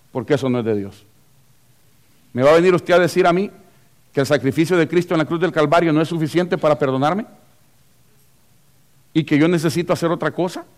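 A man delivers a sermon in a notably high voice. He hammers his points through repetition, rising loud on declarations and sinking quiet for emphasis. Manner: emphatic, repeats key phrases, swings between loud and hushed. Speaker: preacher.

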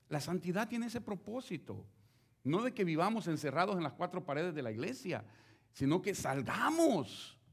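Male preacher; animated sermon delivery with wide pitch swings and direct questions to the flock. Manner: animated, addresses listeners directly with rhetorical questions.

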